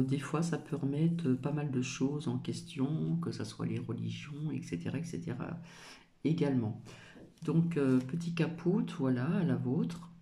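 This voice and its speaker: A man's voice: medium pitch, mellow. A man hosting his channel in a casual chat to viewers, hesitant and full of filler sounds, mumbling his words at times. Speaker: channel host.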